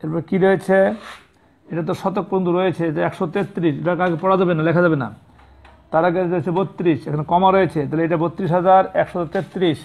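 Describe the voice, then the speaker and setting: A man with a high voice teaches a math lesson to young pupils. He explains patiently and repeats himself, correcting pronunciation and spelling. The sound is thin and tinny, like a phone line. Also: steady tone, quick pace. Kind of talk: classroom lesson.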